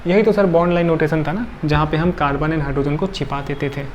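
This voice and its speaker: A man's voice: fairly high pitch, steady tone, quick pace, highs cut off, a little hiss or hum. Tired male chemistry teacher. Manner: counts atoms aloud, frequent checking tags. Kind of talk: classroom lecture.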